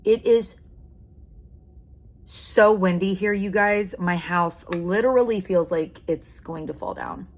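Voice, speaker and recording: This woman from Oklahoma, United States speaks on the lower side, lively but unhurried. As an American beauty vlogger in a laid-back makeup tutorial chat, she gushes and doubles up words to stress them.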